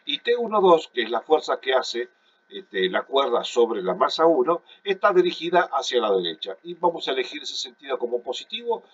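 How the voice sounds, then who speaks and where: A physics teacher at home at his computer explains a problem for a recorded online class, sounding congested and coughing along the way. His mid-range voice has a breathy edge, and the recording's highs are cut off. He explains steadily but with many fillers and restarts.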